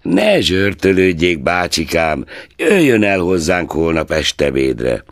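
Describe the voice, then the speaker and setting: A man's voice: low voice, sing-song, no echo, clean studio sound. Man doing an earnest, cheerful young nephew. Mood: pleading. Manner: earnest, warm pleading.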